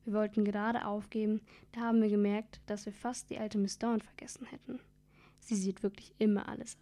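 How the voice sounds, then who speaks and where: A woman's voice: medium pitch, flat delivery, fairly quick, warm tone. A woman reading a first-person children's story aloud in a plain manner.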